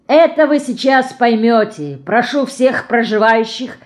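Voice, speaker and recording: A woman's voice: on the high side, a little slow, pitched above the performer's own voice, natural voice. A woman reading the part of a pompous, officious male police detective in an audiobook, formal and bureaucratic, shrieking when frightened. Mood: stern, officious.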